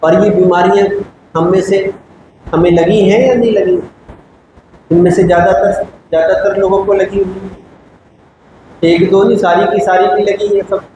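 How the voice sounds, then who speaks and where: A man with a high voice gives a spiritual discourse to a gathered audience, pressing his point with emphatic rhetorical questions and patient explanation. His voice rings through a heavily echoing hall. A steady hum of background noise sits under every word. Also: moderate pace, long pauses. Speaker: spiritual teacher. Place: large meditation hall.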